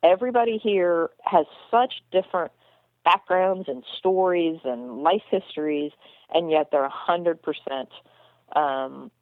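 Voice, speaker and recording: Over a dry, tinny phone line with no echo, a woman on the low side speaks a little slowly. She is a radio co-host and basketball commentator in casual chat, earnest but full of restarts and repeated words.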